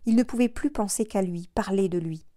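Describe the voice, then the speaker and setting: This is scripted audiobook narration by a woman with a mid-range voice. Her reading is measured and expressive, and the studio recording is clean and dry.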